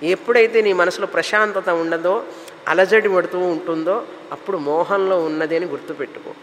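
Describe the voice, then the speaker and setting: A man's voice: high-pitched, fairly even intonation, normal speed, a bit bright, big-room sound, a little hiss or hum, poor audio. A man giving a spiritual discourse as a teacher, explaining terms in long listed runs. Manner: explanatory, lists terms in runs, mixes English words.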